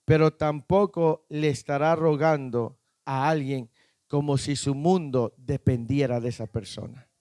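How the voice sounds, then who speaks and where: A man preaching a sermon, emphatic, firing rhetorical questions at the congregation and rising to shouts at the peaks. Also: medium pitch, steady tone, unhurried, no echo, studio quality.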